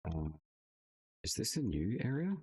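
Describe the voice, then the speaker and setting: A man's voice: medium pitch, wildly swooping pitch, measured pace, warm tone, breathy edge. A man streaming a game, casually musing aloud to himself as he plays. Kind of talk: casual live-stream commentary.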